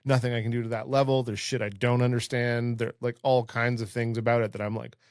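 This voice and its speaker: A man's voice: medium pitch, level tone, brisk, dry recording, clean studio sound. A man co-hosting a podcast, talking in a loose, laid-back way with lots of "like" and "yeah.". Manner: laid-back, loose phrasing with many likes and yeahs. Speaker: podcast co-host. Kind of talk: casual chat.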